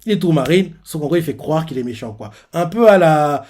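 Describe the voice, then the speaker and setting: A young man talks through a manga chapter live, in a loose, unscripted way. His speech is halting and full of fillers as he searches for words. His voice sits a little high for a man. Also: expressive, a little mellow. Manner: hesitant, filler-heavy retelling with many pauses. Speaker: manga reaction streamer. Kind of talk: casual live chapter recap.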